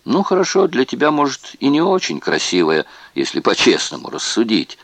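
This is a cruel, tipsy camp guard who sneers and taunts with mock friendliness, as a man reads him out. The voice sits higher than the reader's own and has a gravelly edge. It swings up and down a lot and sounds dry and close. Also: huge pitch swings, moderate pace, dry recording, full character voice. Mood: taunting.

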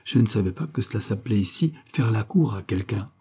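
A man's voice: lowish voice, lively intonation, a little fast, dark tone, husky. A man voicing a poised, ironic young foreign woman who teases her suitor. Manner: mocking, poised, teasing.

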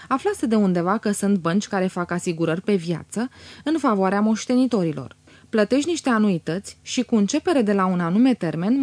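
A woman's voice: mid-range voice, a little mellow, no echo. Woman narrating a classic novel. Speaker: audiobook narrator. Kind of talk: scripted narration.

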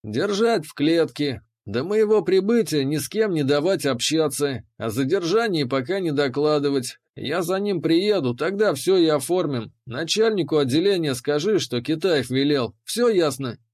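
A man's voice: a little high, animated, normal speed, few pauses, darkish tone. A man voicing a stern, clipped police boss. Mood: commanding. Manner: curt clipped orders. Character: burly stern male police officer, commanding.

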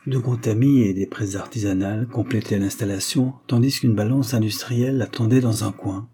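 A man narrating an audiobook in a steady storytelling voice. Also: lowish voice, moderate pace, slight background noise. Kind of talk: scripted narration.

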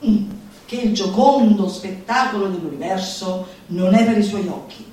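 A stage performer, a woman with a medium-pitched, dark, natural voice at normal speed, plays a zealous, pompous lecturer preaching gleeful laughter at others' misfortune. She declaims this comic manifesto theatrically, emphatic and mock-solemn, full of pompous conviction. The live venue is roomy with heavy echo, a distant mic and faint noise.

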